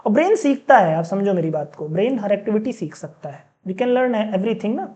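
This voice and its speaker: A man teaching a class in a casual, chatty way, often asking the students questions and slowly reading out English lines. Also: sits high, big pitch swings, a little mellow. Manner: mixes in read-out English sentences, slowly. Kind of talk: classroom lecture.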